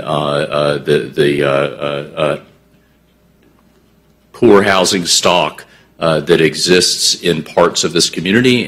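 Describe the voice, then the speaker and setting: Male developer, deep voice, measured and explanatory, frequent fillers, public meeting testimony. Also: fairly bright tone. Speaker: housing developer presenting to commissioners.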